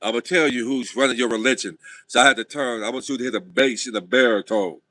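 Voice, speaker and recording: A man hosting a livestream, talking straight to his viewers in an animated, casual way. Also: mid-range voice, fast talker, low-quality recording. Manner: animated, talks to viewers directly. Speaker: livestream host.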